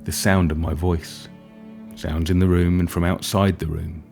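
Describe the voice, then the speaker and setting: A man guiding a hypnosis session in a soft, soothing, breathy and unhurried voice, leaving gentle pauses between phrases. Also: sits low, flat delivery, soft background music.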